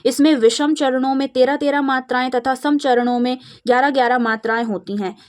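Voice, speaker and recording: A young woman from India with a Madhya Pradesh Hindi accent, teaching an exam revision lesson and explaining terms step by step. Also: high voice. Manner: steady explaining, slows to recite verse examples.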